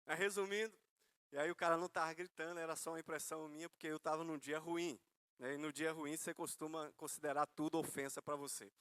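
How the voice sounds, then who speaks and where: A man's voice: on the high side, fairly even intonation, fast, fairly bright tone, smooth, no room sound. A man with a Brazilian Portuguese accent preaching a sermon, telling stories with self-mocking humor and asking listeners rhetorical questions. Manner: asks listeners rhetorical questions, calls them brother.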